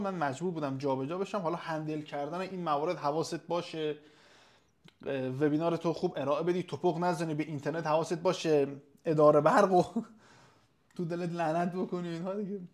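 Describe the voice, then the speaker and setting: A man hosting a live webinar as an SEO consultant, reading out viewers' questions, thanking them by name and answering off the cuff with frequent hesitations. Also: fairly high pitch.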